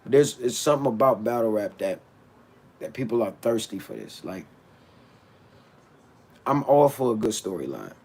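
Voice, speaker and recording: In a lowish, sing-song voice that's a little mellow with a breathy edge, a battle rapper rants to his stream at normal speed, leaving long pauses. He's blunt and animated, restarting his words as he talks back to his chat.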